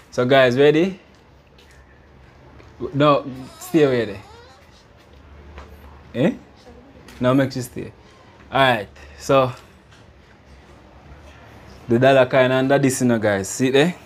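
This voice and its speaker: A man in his thirties with a Jamaican accent does casual, playful magic-trick patter like an amateur party magician, repeating his instructions. He's hosting a prank vlog, outdoors on a small concrete porch, with his mid-range, slightly mellow voice picked up by a camera a few metres away amid background noise and outdoor ambience.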